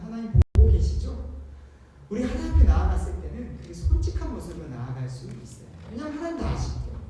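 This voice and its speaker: A male pastor preaching a sermon, asking the congregation questions and swinging between loud calls and hushed words. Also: sits high, slight background noise. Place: church sanctuary. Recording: distant echoey sanctuary, dull sound.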